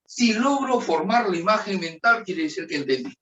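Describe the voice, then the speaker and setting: A man's voice: sits high, dull audio, slight background noise. A man with a Chilean accent teaching an online class, explaining patiently and checking in with frequent questions. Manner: drills answers in slow, even call-and-response. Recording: roomy, distant from the mic.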